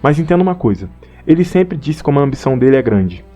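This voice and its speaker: A man's voice: medium pitch, big pitch swings, fast, dark tone, soft background music. A young man with a Brazilian accent, giving a casual, slangy, rambling opinion monologue on an anime and partly reading from notes. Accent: Brazilian Portuguese. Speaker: anime commentator.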